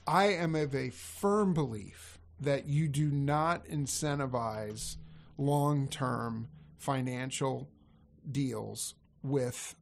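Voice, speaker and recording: Speaking very slowly with vocal fry in a mid-range voice, a man chats on a podcast as a sales coach. His talk rambles, he keeps correcting himself, and he laughs readily.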